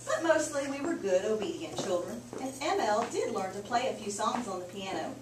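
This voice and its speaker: Recorded from a distance in a noisy, roomy space, a teacher gives an expressive read-aloud of a children's picture book. Her sing-song delivery moves briskly, with big pitch swings and clear emphasis aimed at young children.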